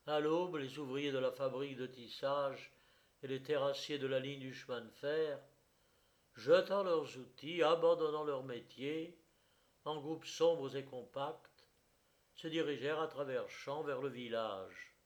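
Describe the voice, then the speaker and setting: A man reading a literary story aloud in a measured, expressive narration. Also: mid-range voice.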